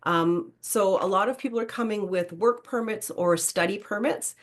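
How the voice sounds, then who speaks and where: A woman's voice: medium pitch, normal speed. A woman, giving an informal explanatory presentation as a program presenter.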